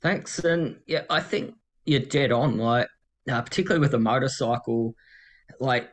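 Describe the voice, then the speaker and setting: A man's voice: medium pitch, moderate pace. A man with a Tasmanian Australian accent chatting casually as an interview guest, rambling and self-deprecating.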